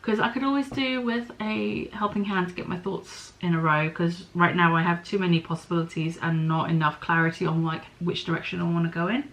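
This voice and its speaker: A woman's voice: fairly low pitch, fairly even intonation, fairly quick, hardly any pauses, a bit bright, poor audio. A middle-aged woman hosting a podcast, chatting casually about her knitting and spinning, thinking aloud and stopping to apologise for small slips. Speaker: podcast host.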